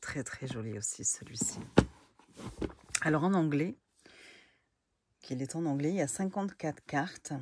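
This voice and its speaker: A woman's voice: sits low, lively intonation, a little slow, pauses often, darkish tone, slight background noise. A woman casually reviewing tarot and oracle decks, chatty and hesitant with many fillers. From France.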